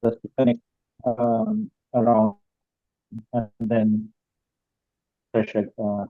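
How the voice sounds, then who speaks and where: A man's voice: fairly low pitch, sing-song, drawn-out words, no room sound. A man in a focus group meeting explains things hesitantly, with many fillers and restarts, over a video call line that keeps cutting out. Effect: choppy video call line that cuts in and out. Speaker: focus group participant from an education nonprofit. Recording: tinny dry call line.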